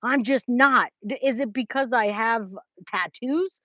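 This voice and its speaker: Unhurried, bright, and forceful, her slightly high voice comes through a muffled recording with no echo. The speaker is a true crime livestream host in her forties from California, casually replying to viewers' comments. She's informal and emphatic, repeats herself for effect, and calls her audience guys, babe, and my love.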